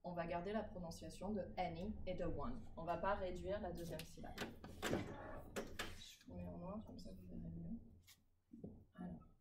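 Speaking at a measured pace with frequent pauses, this woman's voice sits on the low side. She's giving a classroom phonetics lecture, laying out rules patiently and regularly making sure students keep up. The room echoes, the mic is distant, and there's background noise.

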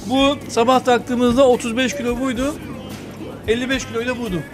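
A man's voice: extremely high pitch, level tone, moderate pace, music in the background. A middle-aged man, a restaurant owner, proudly describing his food in an interview. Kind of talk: interview answers. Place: restaurant kitchen by the grill.

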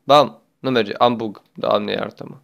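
A man's voice: lowish voice, steady tone, creaky, fairly bright tone. Young guy doing lets play commentary, chatty, yelps and exclaims a lot. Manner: chatty, exclaims often, talks to the game and a friend. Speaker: gaming youtuber.

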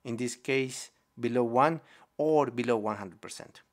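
A man's voice: mid-range voice, a little slow. A man teaching equipment sizing over a whiteboard screen recording, explaining step by step, repeating key terms, checking in with "okay?" and correcting himself as he goes. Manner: self-correcting restarts. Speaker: HVAC instructor. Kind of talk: screen-recorded technical lesson.

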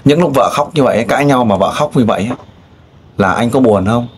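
Pushy teasing interviewer. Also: male voice, mid-range voice, fairly quick, a little hiss or hum. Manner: pushy, teasing questioner with frequent exclamations. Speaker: street interviewer. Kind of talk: probing casual interview.

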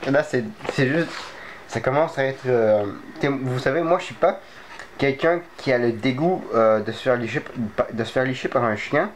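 A man's voice: medium pitch, moderate pace, slight background noise. Playful young man vlogging with his pet. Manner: playful, mock-panicked cries for help. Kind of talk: casual vlog chat.

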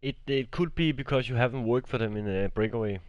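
A man from Denmark with a Danish accent, casually commenting on his game stream in a blunt, halting way, with many fillers and restarts. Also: medium pitch, darkish tone, no echo, lo-fi sound. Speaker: gaming streamer.

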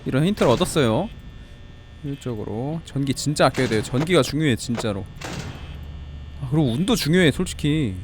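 A man giving lively horror game commentary, excitable and quick to yelp and plead when under pressure. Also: a little high, slight background noise. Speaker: game streamer.

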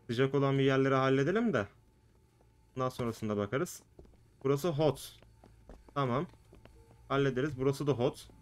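A man's voice: mid-range voice, clean tone. A man hosting a gaming video, giving chatty, jokey let's play commentary and talking to the game's characters and his viewers.

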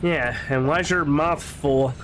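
A man's voice: a little high, takes it slowly, fairly bright tone, a little hiss or hum. A man streaming a video game, chatting casually and hopefully while he plays. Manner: chatty, hopeful, repeats himself. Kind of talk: casual gaming chat.

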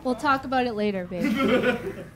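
Woman, talk-show guest, nervous, rambling, slightly high voice, handheld mic, studio couch. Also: animated, measured pace, very noisy. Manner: rambling and nervous, with many restarts. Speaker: guest, founder of an internet radio station. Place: TV studio set, seated on a couch.

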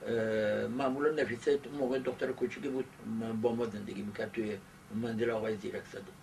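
An elderly man recalls past events haltingly, with long hesitations, in an indoor interview. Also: mid-range voice, steady tone, creaky, darkish tone. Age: 70s. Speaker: interviewee giving oral history. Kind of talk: recollective personal narration. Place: small book-lined study indoors. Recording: distant mic, noisy amateur camcorder sound.

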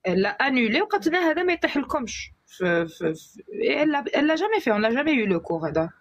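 Fast husky woman cutting in. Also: sits high, sing-song. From Algeria. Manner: rapid, interrupting, insistent. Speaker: caller. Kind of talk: live call-in debate.

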